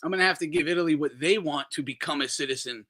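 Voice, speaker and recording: A man's voice: a little high, fast, pushed and bright. A man hosting a boxing talk show, ranting casually, laughing often and swearing freely. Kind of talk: casual profane rant.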